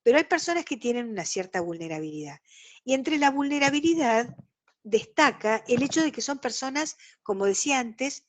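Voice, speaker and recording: A woman's voice: a little high, expressive, moderate pace. Argentine woman giving an online lecture. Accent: Rioplatense Spanish. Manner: explanatory, acts out quoted dialogue. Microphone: video call.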